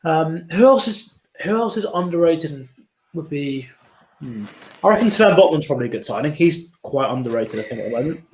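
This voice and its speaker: A man's voice: a little high, expressive, brisk, a little mellow, roomy sound, low-quality recording. A young man hosting a football watchalong stream, chatting and thinking aloud. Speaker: stream host. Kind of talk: casual football chat.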